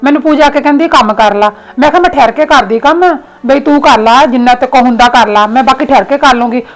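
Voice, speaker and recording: A woman's voice: sits high, quick pace. A young woman with a Punjabi accent, playing a defensive, complaining daughter-in-law in a family skit. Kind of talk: scripted family drama acting.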